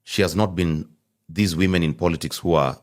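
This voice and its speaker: A man's voice: low-pitched, a little fast. A young man with a Kenyan accent in a casual panel discussion, explaining his reasoning point by point. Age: young adult. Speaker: panelist rating politicians.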